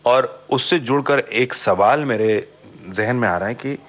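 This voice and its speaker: A man's voice: medium pitch, a little slow, a bit bright. A man hosting a radio interview, asking long, polite, formal questions. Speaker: radio host.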